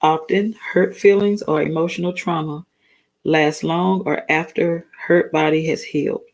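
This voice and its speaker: A woman's voice: sits low, fairly even intonation, unhurried, darkish tone. A tired woman with a slightly worn voice hosts a casual solo talk. She speaks earnestly, halts and restarts, and reads definitions aloud. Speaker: talk stream host.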